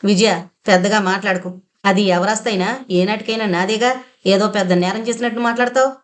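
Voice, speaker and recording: A woman's voice: mid-range voice, steady tone, fairly quick, close to an everyday voice. A woman reading the lines of a selfish elder brother who answers dismissively and defensively in a storybook.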